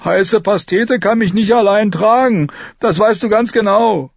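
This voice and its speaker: A man's voice: high-pitched, measured pace, gravelly, dry recording, muffled recording, voice pushed up, heavily acted. A man voicing a whining, injured young male thief who keeps complaining. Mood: whiny.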